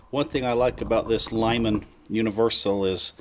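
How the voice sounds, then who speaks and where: Guy with a lowish voice rambling thru a how-to, hiccupy, noisy workshop, camera mic. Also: takes it slowly. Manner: plainspoken, rambling, self-interrupting. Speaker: hobbyist reloader. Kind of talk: casual how-to demonstration.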